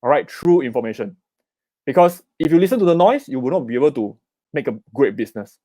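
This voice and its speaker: Speaking quickly with an animated, dark mid-range voice and no room sound, this middle-aged investment speaker with a Singaporean accent is presenting at an online summit's live seminar. He repeatedly asks "okay?" and "right?" and urges his audience to post in the comments.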